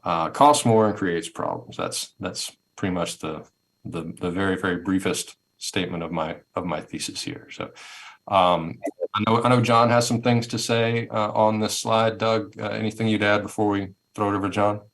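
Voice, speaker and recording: A man with a low, deep voice presents on a webinar over a video call. He speaks conversationally and thoughtfully, circling back and repeating words as he works toward each point. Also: steady tone, moderate pace, vocal fry, fairly bright tone. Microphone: video call headset or laptop mic.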